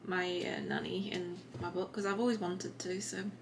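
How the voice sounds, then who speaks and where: A woman chatting casually in a writing vlog from her desk at home, relaxed and full of little fillers and restarts. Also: fairly low pitch, normal speed, a little hiss or hum. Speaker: writing vlogger.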